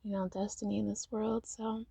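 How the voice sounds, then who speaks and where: A woman's voice: mid-range voice, flat delivery, moderate pace, vocal fry, dark tone, slightly rough, no room sound. A woman vlogging casual life advice from her parked car, rambling with lots of fillers and frequent laughs.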